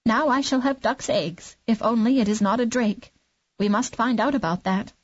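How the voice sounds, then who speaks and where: A woman's voice: on the high side, moderate pace, slightly rough, no room sound, dull audio. A woman voicing an old woman with poor sight, exclaiming in a raised voice.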